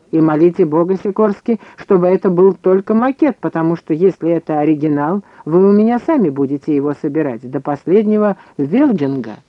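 A man's voice: a little high, no echo, natural voice. A man voicing an irate elderly male scientist who rants sarcastically, on a dull lo-fi recording. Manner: ranting, venomous.

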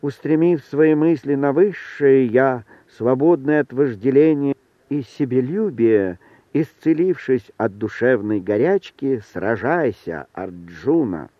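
A man's voice: mid-range voice, animated, slow pace, no room sound. A magic mirror recites with solemn grandeur, voiced by a man. Each phrase is drawn out and ceremonious. The sound is thin and dry, like a phone line. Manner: grand, declamatory. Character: solemn talking magic mirror, declaiming scripture.

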